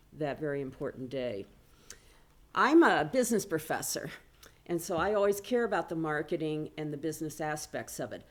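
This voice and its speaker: A woman with a low voice presents at an academic conference, walking through her slides. She is a business professor and talks in a chatty way, dropping self-deprecating asides as she goes. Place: conference room.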